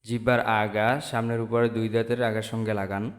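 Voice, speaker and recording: A man from Bangladesh teaching the Arabic letters in a slow lesson, saying each sound and repeating it for viewers. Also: lowish voice, flat delivery. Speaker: Quran teacher. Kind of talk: slow step-by-step alphabet lesson.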